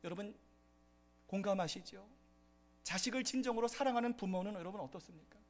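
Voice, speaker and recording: A man's voice: sits high, brisk. A man preaching a sermon as pastor at a church service, addressing the congregation and rising into impassioned outbursts.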